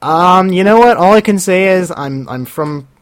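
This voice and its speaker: Young man, higher-pitched, a rambling storyteller who keeps restarting his sentences. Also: animated, normal speed. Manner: rambling, self-interrupting storyteller. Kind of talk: casual chat.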